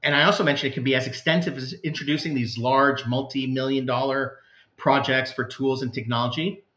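A man's voice: medium pitch, steady tone, brisk, fairly bright tone, reverberant. A man, a customer service executive, answering interview questions in an earnest, conversational way with frequent fillers and restarts.

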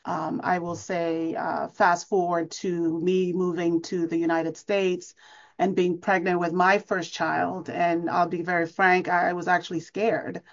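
A woman's voice: lowish voice, little pitch movement, a little slow, dull audio. A woman from Cameroon, a foundation leader speaking earnestly in an interview, with fillers and restarts.

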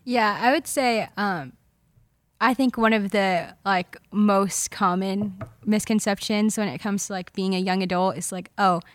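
A woman's voice: mid-range voice, measured pace, no room sound. A young woman in her twenties chats casually on a podcast panel. She keeps reaching for "like" between her thoughts. Her voice sits in a normal range and comes through dry and close on a studio mic. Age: 20s. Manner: chatty, many "like" fillers. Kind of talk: casual chat.

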